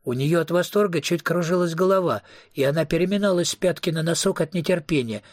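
A man narrating a novel as an audiobook reader, in an even, wry storytelling manner. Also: a little high, fast, dry recording, clean studio sound.

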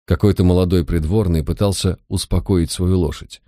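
A man narrating an audiobook in a steady, even storytelling manner. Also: low voice, normal speed, no room sound, studio quality.

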